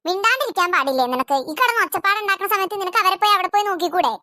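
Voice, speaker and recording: A woman's voice: very high-pitched, animated, very fast, sharp tone, no room sound, clean studio sound, exaggerated voice. A woman voicing an exasperated mother in a family cartoon who scolds her children. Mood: scolding. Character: scolding harried cartoon mother of several kids.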